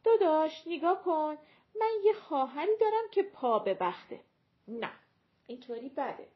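A woman's voice: high-pitched, sing-song, dull audio, pitched above the performer's own voice. A woman voicing a young woman who argues with herself in her thoughts, chatty and scheming. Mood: musing. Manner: chatty, self-arguing inner monologue.

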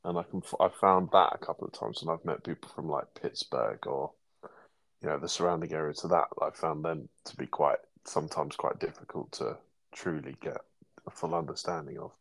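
English male podcast co-host, very low voice with gravel, measured and questioning. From England. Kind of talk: casual chat.

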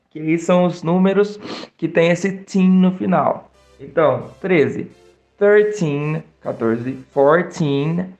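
A Brazilian man with a Brazilian Portuguese accent gives a friendly English lesson. His voice sits a little high, and he drills each word slowly so students can repeat it. The room is echoey, and faint music plays behind him. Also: a little mellow. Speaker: English teacher.

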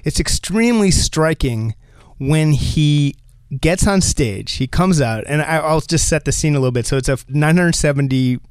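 Animated man hosting a podcast, dry studio sound. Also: a little high, normal speed, smooth, no echo. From New Jersey. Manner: animated, laughs often, restarts mid-sentence. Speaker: podcast host. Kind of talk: casual chat.

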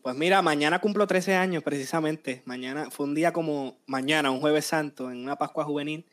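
Puerto rican man, late twenties, guest singer, slightly high voice, lively storytelling. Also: a little fast. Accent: Puerto Rican Spanish. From Puerto Rico. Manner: animated, tells story with acted quotes. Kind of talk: casual interview storytelling.

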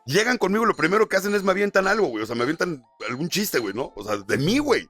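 Fast-talking radio announcer. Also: male voice, sits high, sing-song, a bit bright, soft background music. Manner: storytelling, peppered with slang. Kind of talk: casual podcast chat.

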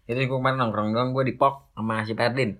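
A man in his twenties speaks with a Jakarta accent and plenty of rough local slang. His delivery is quick and his tone bright and sharp, in the casual, repetitive banter of a podcast host. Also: mid-range voice, little pitch movement. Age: 20s. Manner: banter with coarse slang and repeated words.

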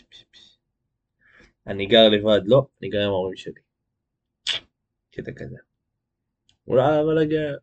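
A man's voice: on the low side, muffled recording. A young man chatting casually on a live stream, rambling with lots of fillers and restarts as he reads out viewer comments. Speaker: page admin hosting a live stream.

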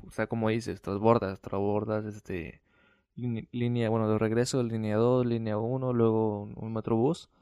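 A relaxed man chats as a podcast co-host, quick to chime in. His voice is mellow, and the recording is close and dry. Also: lowish voice, smooth, no echo. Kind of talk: casual chat.

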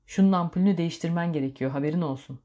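A woman voicing an older man who is a hurried, bossy time traveler, barking urgent orders. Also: fairly low pitch, dark tone, natural voice. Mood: lecturing.

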